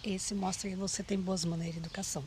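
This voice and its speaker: A woman from Brazil with a Brazilian Portuguese accent, a guest in a casual chat, direct and quick to laugh. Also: fairly low pitch, flat delivery, darkish tone, a little hiss or hum.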